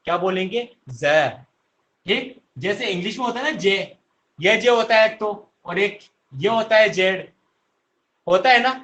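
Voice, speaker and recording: A man's voice: high-pitched, moderate pace, fairly bright tone. A male teacher giving an online class, quizzing students with repeated questions and answering them himself. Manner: answers his own questions.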